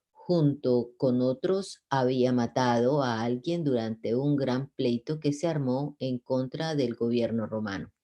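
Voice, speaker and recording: A man's voice: medium pitch, dark tone. A man reading a Bible passage aloud in an unpolished way, stumbling now and then and correcting himself. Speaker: Bible reader.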